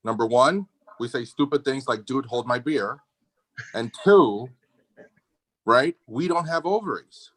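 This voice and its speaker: Over a video call, a middle-aged Dominican endometriosis surgeon talks as a guest in an easygoing medical discussion, recorded dry. His medium-pitched, slightly bright voice is unhurried yet lively in intonation. He speaks informally and emphatically, voicing opinions with slangy asides.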